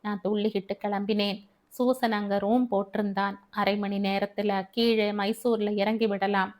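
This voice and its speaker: A woman's voice: medium pitch, little pitch movement, measured pace, a little mellow. A woman with a Tamil accent narrating a family audio novel in first person, earnest and emotional.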